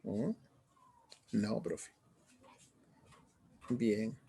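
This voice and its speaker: A man's voice: fairly low pitch, drawn-out words, creaky, warm tone, breathy edge. A middle-aged male teacher giving an online class, often asking students questions and checking in as he explains. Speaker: language teacher.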